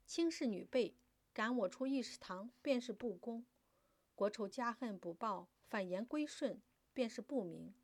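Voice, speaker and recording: A woman voicing a fiery, defiant young daughter who declaims loudly and passionately. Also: on the high side, expressive, measured pace, dry recording. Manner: impassioned, loud declaiming.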